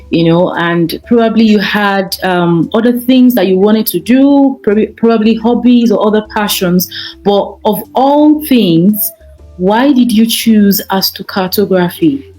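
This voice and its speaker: A woman hosting a podcast, asking deliberate questions and giving short backchannels. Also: mid-range voice, warm tone, rough recording. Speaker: podcast host. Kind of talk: interviewing.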